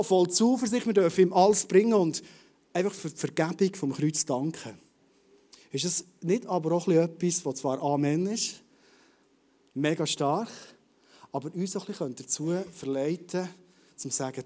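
A man with a high voice and a Swiss German accent preaches a casual, conversational sermon to his church. He alternates between loud bursts and quiet, hushed asides.

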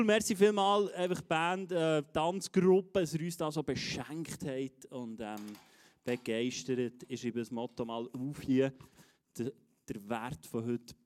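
A man with a Swiss German accent preaches to his congregation in a fairly high voice. His delivery is energetic and emphatic, and he turns to address people in the room directly. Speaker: pastor. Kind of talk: enthusiastic live sermon. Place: church service.

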